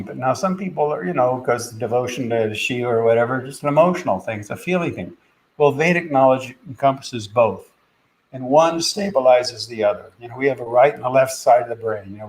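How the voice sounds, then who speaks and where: A man hosting a podcast, speaking in a halting, casual way about spiritual ideas, with many fillers and restarts. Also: medium pitch, a little hiss or hum, poor audio. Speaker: podcast host and spiritual teacher.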